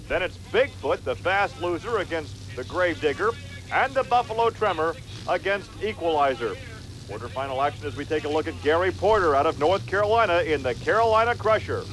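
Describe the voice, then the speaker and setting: A man calling monster truck races as the play-by-play announcer, in steady, informative commentary. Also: sits high, moderate pace, faint music behind. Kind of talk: sports commentary.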